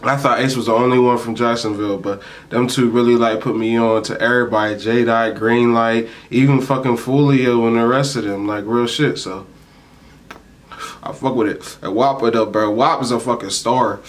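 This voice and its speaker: A man's voice: mid-range voice, steady tone, normal speed. A young adult American man hosting a casual reaction video in emphatic, profane street slang. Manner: emphatic, slangy street talk with frequent swearing.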